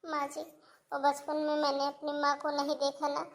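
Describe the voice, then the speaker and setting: Woman doing a young cartoon daughter-in-law, remorseful, soft pleading voice, high, slightly gravelly. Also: completely flat delivery, moderate pace, a little hiss or hum. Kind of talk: cartoon voice acting.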